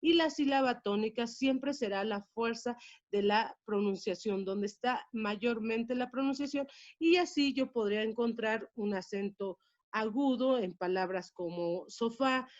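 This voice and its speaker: A woman teacher giving a spoken grammar lesson in a measured, explanatory way, stressing key words. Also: a little high. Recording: dull lo-fi sound.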